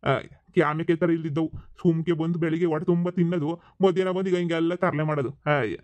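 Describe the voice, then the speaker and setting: A man's voice: fairly high pitch, fairly even intonation, fast talker, darkish tone, no room sound, close to an everyday voice. A man playing a bewildered, scolding village father who has forgotten his family, in a comedy skit. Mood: puzzled, scolding. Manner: scolding, incredulous, rambling.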